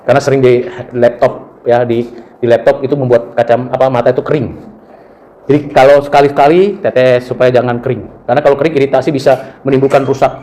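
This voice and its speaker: The recording is rough, and the man's mid-range voice moves briskly. He is a middle-aged Indonesian preacher and university lecturer giving a sermon full of animated personal anecdotes, in which he acts out the characters and their quoted lines.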